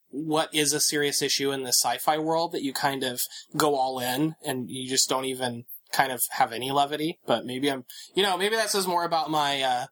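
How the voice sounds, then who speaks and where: A man's voice: medium pitch, sharp tone. A man co-hosting a casual podcast chat, thinking aloud with many fillers and restarts. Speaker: podcast co-host.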